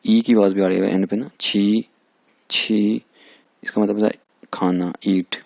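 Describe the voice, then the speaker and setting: एक पुरुष शिक्षक, पाकिस्तानी उर्दू लहजे में, जो शब्दों की ध्वनियाँ बार-बार दोहराकर धैर्य से अभ्यास करवाते हैं।. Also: male voice, lowish voice, fairly even intonation, measured pace, gravelly, a little mellow, no echo. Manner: repeats each sound many times, patient and drilling. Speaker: language teacher. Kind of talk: recorded language lecture over slides.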